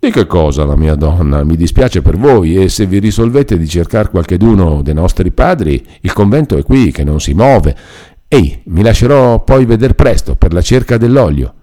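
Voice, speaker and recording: A man's voice: low-pitched, sing-song, normal speed, warm tone. A man voicing a chatty self-important old friar. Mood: garrulous. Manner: garrulous, explaining, reassuring.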